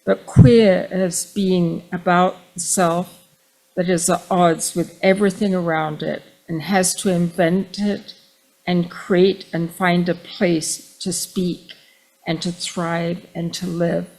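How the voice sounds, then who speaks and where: Woman reader, low gravelly voice, slow and calm meditative delivery. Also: rough recording. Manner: calm, measured, guiding a grounding exercise. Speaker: reader of opening words. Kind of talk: reading a meditative opening at a service. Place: fellowship hall during a worship service.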